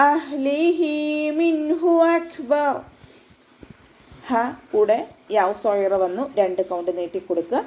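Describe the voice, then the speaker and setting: A woman Quran teacher gives a patient, step-by-step tajweed lesson, frequently checking that her students are following. Her voice is medium-pitched and warm, and the recording quality is low.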